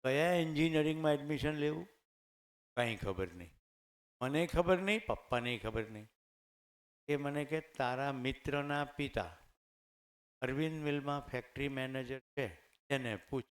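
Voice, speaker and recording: This middle-aged man has a Gujarati accent and a clear, resonant mid-range voice, and he pauses often while keeping a moderate pace. Using a microphone, he shares anecdotes in a conversational storytelling talk to teachers, speaking directly to the live audience in a training hall.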